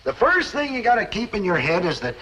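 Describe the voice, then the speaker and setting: A man's voice: high-pitched, big pitch swings, brisk, sharp tone, slight background noise, heavily acted, rough recording. An actor playing a boastful, theatrical father who was once an army sergeant, in a 1960s sitcom. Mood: blustering. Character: blustering know-it-all ex-sergeant dad.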